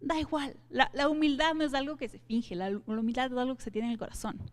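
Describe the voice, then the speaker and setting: A woman's voice: high voice, steady tone, fast talker. A woman teaching a church Bible study, speaking earnestly and addressing her listeners directly. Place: church hall. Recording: long hall reverb.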